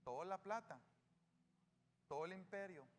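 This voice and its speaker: Preaching at normal speed, a Salvadoran-accented male pastor speaks in a high-pitched, expressive voice. His sermon uses call-and-response, as he questions the congregation and supplies the answers, with the church hall's reverb and music around him.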